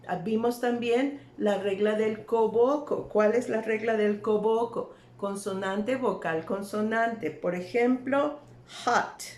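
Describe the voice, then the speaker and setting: Very slow-paced woman teacher. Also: medium pitch, a little mellow. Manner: patient, step-by-step explaining with check-in questions. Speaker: English teacher. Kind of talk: online grammar lesson. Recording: echoey room, faint ambient noise.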